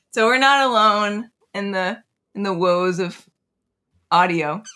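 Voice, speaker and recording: A woman chats casually as a podcast co-host. Her voice is bright and forward, with an ordinary conversational delivery. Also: medium pitch, slow.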